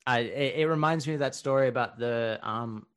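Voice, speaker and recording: A man co-hosting a podcast, telling a war story in casual chat, animated and laughing often, with casual swearing. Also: medium pitch, fairly quick. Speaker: podcast co-host telling history stories.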